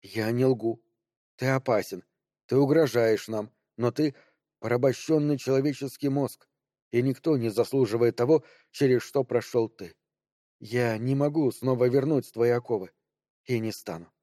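A man voicing a guilt-ridden woman who was once a hacker, speaking softly and quietly in a pleading way. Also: mid-range voice, normal speed, dry recording, clean studio sound, natural voice. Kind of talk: audiobook character voice.

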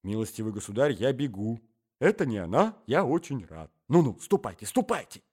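Jittery, jealous gentleman in a fur coat, fussing in repeated bursts, read by a man. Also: mid-range voice, big pitch swings, brisk, breathy edge. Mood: agitated. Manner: agitated, stammering repetitions.

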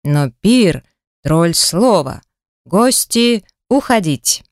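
A woman's voice: fairly low pitch, sing-song, no echo, clean studio sound, exaggerated voice. A woman voicing a hulking, dim-witted male swamp troll who drags out his broken words in an audiobook. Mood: puzzled. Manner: slow, drawn-out broken speech. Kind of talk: audiobook character voice.

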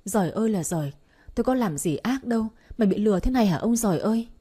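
A woman voicing an older mother who has been swindled, crying out in a shrill lament. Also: animated, fast talker, warm tone, slightly rough. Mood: wailing.

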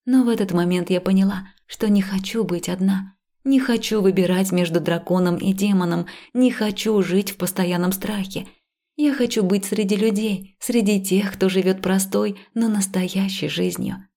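A woman reading a first-person fantasy audiobook in a calm, even manner. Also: medium pitch, normal speed. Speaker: audiobook narrator. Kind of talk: first-person scripted narration.

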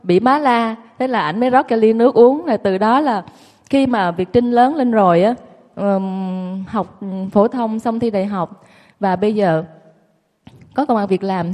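A woman's voice: medium pitch, normal speed, dark tone, in a large hall. A woman telling her childhood story to an audience in a candid, self-mocking way. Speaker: guest recounting her childhood.

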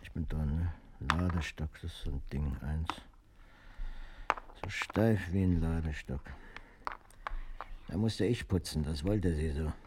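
A gruff old grandfather. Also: extremely low pitch, measured pace, long pauses. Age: older. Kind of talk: 1980s radio play acting. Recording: noisy old radio play recording.

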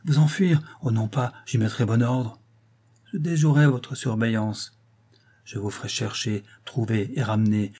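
A man's voice: medium pitch, unhurried, dark tone, lightly acted. A man voicing a stern, wounded husband who argues with severe emphasis.

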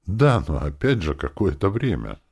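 A man's voice: deep voice, big pitch swings, normal speed, creaky, darkish tone, husky, heavily acted. A man reading an audiobook, voicing a cautious, businesslike young woman who works as a guild clerk. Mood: haggling.

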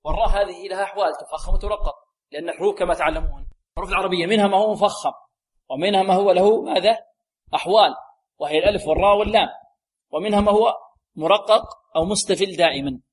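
A man with a high, husky voice teaches Quran recitation at a very fast pace. In this tajweed lesson he drills sounds aloud, quizzes the class and repeats their answers, and often repeats a set blessing phrase to the students.

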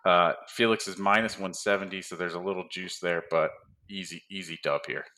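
Low, bright-toned man bantering. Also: steady tone, fairly quick. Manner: playful, boastful banter. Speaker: podcast co-host. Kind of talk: casual sports betting chat.

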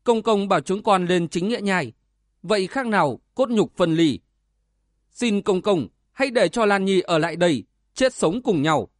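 A tearful young wife who pleads with her family, read by a man in close to his own voice. The reading is fairly high in pitch and sounds dry and close. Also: expressive, a little slow, a bit bright, no echo. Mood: pleading.

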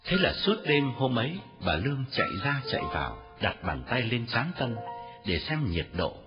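A man narrating a novel as an audiobook in an expressive storytelling reading. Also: mid-range voice, normal speed. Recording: dull lo-fi recording with faint music.

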